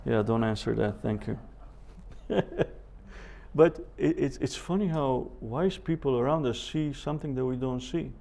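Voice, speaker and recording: A male professor leads a Bible seminar, speaking in measured tones with deliberate pauses, quoting scripture and posing rhetorical questions. His mid-range voice has a dark tone and some vocal fry.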